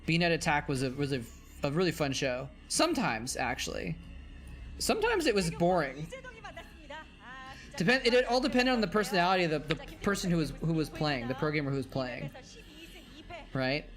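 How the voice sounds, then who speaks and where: Pitched fairly high and brightish, his lively voice runs at a moderate pace broken by long pauses. Once a game caster, he now chats on stream while watching old matches, his voice fatigued after hours, rambling and self-correcting as he reads chat aloud and responds.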